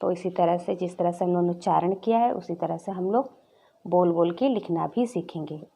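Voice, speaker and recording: A woman teaching a nursery class, speaking slowly and clearly to small children and drawing out each repeated letter. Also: on the low side, mellow. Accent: Hindi. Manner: drawn-out repetition, stressing each letter.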